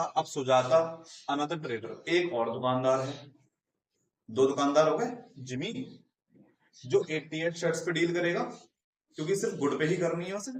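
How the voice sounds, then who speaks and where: A male math teacher giving a Hindi-English classroom lesson, explaining step by step and asking and answering his own questions. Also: on the high side. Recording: echoey room, mic at a distance.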